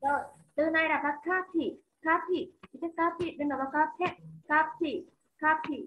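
A woman teacher with a Vietnamese accent running an online English vocabulary drill. She models each word slowly, repeats it and coaxes her pupils to say it back, on a video call. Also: sits high, highs cut off.

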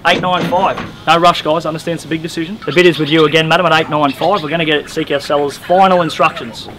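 A man's voice: fairly high pitch, steady tone, quick pace, fairly bright tone. A young Australian man working as an auctioneer, addressing bidders outdoors with formal, courteous patter. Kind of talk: live auction bid calling. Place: open-air wooden deck outdoors. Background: music.

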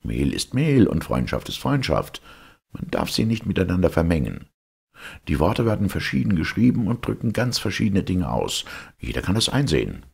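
A man's voice: low-pitched, very animated, moderate pace, vocal fry, a little mellow, breathy edge, exaggerated voice. A man voicing a pompous, self-righteous miller who lectures in a preachy, self-satisfied way, in a storybook reading.

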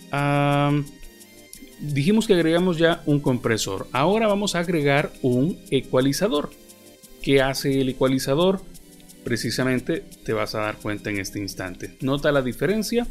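A man teaching podcast editing, talking patiently with frequent hesitant fillers like "eh". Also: medium pitch. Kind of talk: explanatory tutorial. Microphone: studio podcast microphone.

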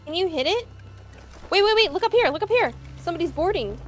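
High-voiced excitable woman gaming. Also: quick pace. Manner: excitable, exclaiming. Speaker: video game streamer. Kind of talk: casual co-op gaming chat. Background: game music.

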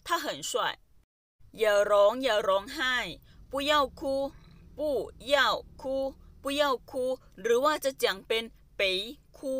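A woman teaching short everyday phrases, saying each one slowly and syllable by syllable. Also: a little high, a bit bright, no room sound. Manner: slow, deliberate syllable-by-syllable drilling. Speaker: language teacher. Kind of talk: Mandarin phrase lesson in Thai.

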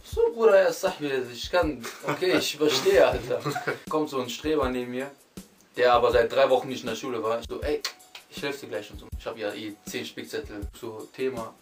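A young man, heard from a distance, mumbles his way through a slangy exam story. Music plays clearly behind him. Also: medium pitch, fairly quick. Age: young adult. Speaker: storyteller among friends. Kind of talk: casual slangy anecdote.

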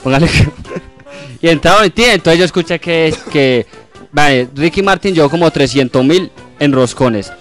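A man's voice: fairly high pitch, expressive, normal speed, soft background music. A man from Colombia telling a joke at a live show in a gossipy, conspiratorial way, as if sharing a scoop. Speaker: comedian.

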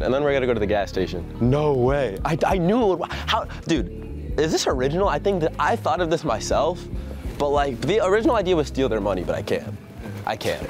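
Joking young man vlogging in stores. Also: a little high. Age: young adult. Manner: joking, laughs often, quick slangy talk. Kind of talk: casual prank vlog. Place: stores, parking lot and gas station, indoors and out.

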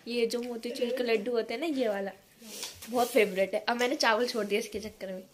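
A young woman chats to her viewers in a casual home vlog, her voice pitched high. She is talkative and laughs easily, and there is a faint hiss under the phone recording. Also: steady tone, fairly quick. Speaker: vlogger. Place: family home.

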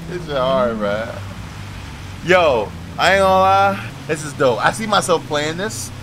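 A man's voice: a little high, expressive, slow pace, pauses often, background noise. A man giving casual, joking commentary while playing a video game, swearing a lot, using slang and talking to the characters on screen. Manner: talks to game characters as he plays. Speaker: gaming video creator.

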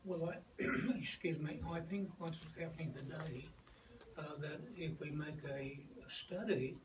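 An older man with an Australian accent, speaking as a guest minister in a calm, measured, pastoral way. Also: on the high side. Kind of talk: calm teaching talk. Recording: echoey room, distant mic, audible noise.

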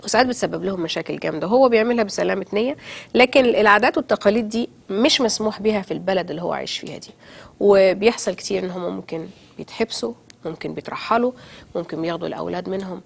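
An Egyptian woman with an Egyptian Arabic accent hosting a studio talk show, brisk and friendly. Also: medium pitch, gravelly, husky. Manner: frequent back-channel murmurs, brisk and friendly.

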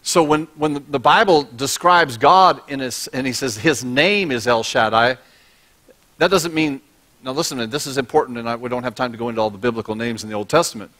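A middle-aged male pastor delivers a sermon with an easy, joking, conversational manner, his voice sitting at an ordinary middle pitch. He speaks through a body-worn mic on a large church stage. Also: brisk, pushed and bright. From United States. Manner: humorous, conversational preaching, props in hand.

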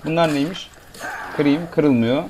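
A man's voice: a little high, takes it slowly, a little mellow, slight background noise. A man giving casual, jokey let's-play commentary and talking back to the game characters as he plays. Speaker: gameplay commentator.

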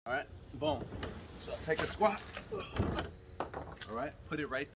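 A young man hosting a fishing channel casually walks viewers through a hands-on demonstration outdoors in a suburban driveway, speaking directly to them in a relaxed, instructive way. His voice is fairly high and slow. Heavy background noise surrounds him, and the camera mic moves toward and away.

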